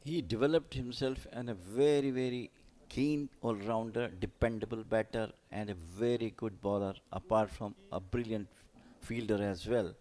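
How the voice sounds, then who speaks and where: A man's voice: lowish voice, normal speed, dark tone. A man commentating live on cricket, offering loosely phrased, explanatory analysis of play and players.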